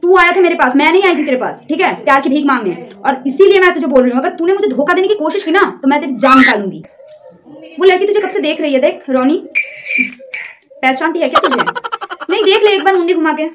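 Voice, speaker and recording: A woman's voice: high voice, animated, fast talker, background noise. A young woman performing a one-sided comedy sketch, playing a suspicious girlfriend who scolds, nags and pleads with an unseen boyfriend. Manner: nagging, suspicious, switching between scolding and pleading. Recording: loud background music.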